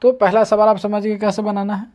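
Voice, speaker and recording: A man's voice: high-pitched, monotone, fairly quick, a little mellow. Patient man teaching math. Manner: patient, repetitive explaining, walking through steps. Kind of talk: online math lesson.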